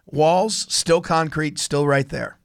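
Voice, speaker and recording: Hosting a laid-back college radio motorsport show, this man sounds hoarse from laryngitis; his voice is on the high side, slow, gravelly and smooth, with fairly even intonation. The dry, studio-quality recording comes from a studio microphone, and he rambles, often starting sentences over.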